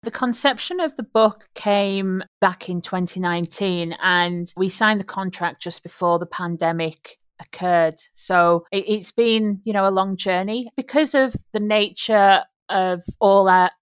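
Woman from Yorkshire, low-pitched, dry close sound, reflective panel researcher with frequent restarts. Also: clean tone, no room sound. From Yorkshire, England. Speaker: researcher and book author. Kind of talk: panel discussion.

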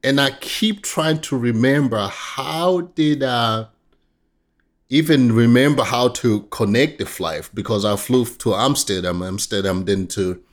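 A man from Tanzania, a guest in a casual interview, talking haltingly with frequent restarts and laughter. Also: mid-range voice.

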